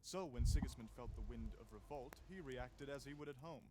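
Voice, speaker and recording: An actor playing an earnest young foreign gentleman in a medieval game, explaining in a measured, deferential way. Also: medium pitch, very noisy, lightly acted. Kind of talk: scripted dramatic game dialogue.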